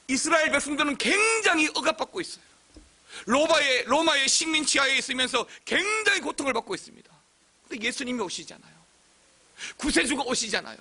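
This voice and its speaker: A middle-aged man preaching a sermon in a high, very bright voice. His pitch leaps and dips with lively energy, and he breaks into shouts and acted cries to drive his points home. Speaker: pastor.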